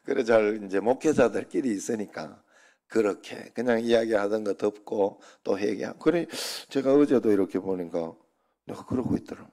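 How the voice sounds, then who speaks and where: Middle-aged man, pastor, dark gravelly voice, loose joking sermon delivery. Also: fairly low pitch, normal speed. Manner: chatty, joking, rambling anecdotes. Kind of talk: informal sermon.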